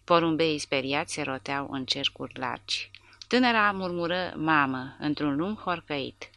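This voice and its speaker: A woman narrating an audiobook in a measured, dramatic reading. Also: low voice, fairly bright tone, no room sound. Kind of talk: scripted narration.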